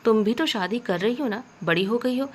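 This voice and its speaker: A woman's voice: a little high, moderate pace, darkish tone, husky, pitched above the performer's own voice. A woman voicing a hot-tempered, protective young man who scolds and insists, in a spoken story. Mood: insistent.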